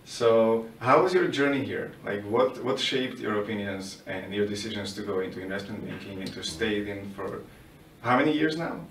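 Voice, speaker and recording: A man's voice: fairly low pitch, animated, normal speed, few pauses, slight background noise. A man hosting an interview, explaining topics and asking questions in an earnest way. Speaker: podcast host. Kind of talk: interview hosting and intro monologue.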